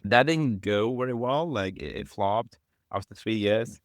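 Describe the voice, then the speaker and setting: Guest: middle-aged man from Kazakhstan, low voice, rambling filler-heavy delivery, dry close sound. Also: unhurried, no echo. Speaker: podcast guest. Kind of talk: casual interview talk.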